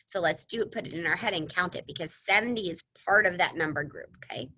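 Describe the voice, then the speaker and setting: A woman's voice: on the low side, quick pace, sharp tone. A woman teaching young children a math lesson in an exaggerated, sing-song, encouraging kindergarten-teacher voice, posing questions and answering them herself. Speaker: elementary school teacher.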